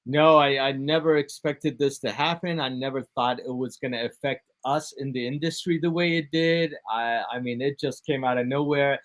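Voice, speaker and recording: An American DJ and producer appears as a guest in an interview, chatting casually at a medium pitch and normal speed with few pauses. He's relaxed and rambling, with lots of fillers and restarts.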